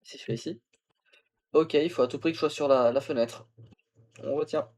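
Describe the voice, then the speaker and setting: Loud music plays under this young man's voice, which sits on the high side at a moderate pace. Tired, he rambles casually to viewers during a gaming livestream, full of fillers, laughs, and self-talk, captured with a phone used as a camera.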